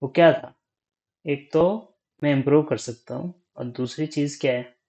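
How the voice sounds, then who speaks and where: A young man giving a casual talk on speaking, unhurried, thinking aloud and often checking in with the listener. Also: a little high, darkish tone, poor audio. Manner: frequent "ठीक है?" check-ins.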